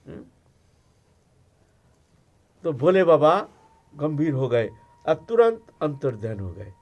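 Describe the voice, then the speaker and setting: A man with a high voice preaching as a spiritual teacher. He tells a devotional story in an animated way and often stops to ask his listeners rhetorical questions. He was recorded at an ashram. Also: takes it slowly.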